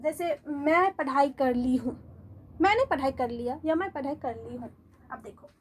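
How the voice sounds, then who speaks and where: Woman teacher with a high voice, patient and repetitive, talking students through grammar at a board. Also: animated, slight background noise. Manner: explains slowly, repeats examples, asks checking questions. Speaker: English teacher. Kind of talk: classroom grammar lesson.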